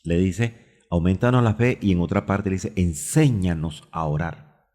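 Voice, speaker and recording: Deep-voiced Colombian preacher man. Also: measured pace, dark tone. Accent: Colombian Spanish. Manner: searches verses aloud, stretches key words. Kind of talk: radio sermon teaching. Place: radio studio.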